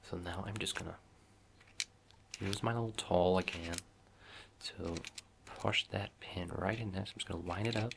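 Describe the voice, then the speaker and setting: A man doing a softly spoken ASMR role-play as a watch shop salesman, with reassuring customer-service patter in a low, gravelly voice. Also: steady tone, moderate pace, long pauses, very noisy.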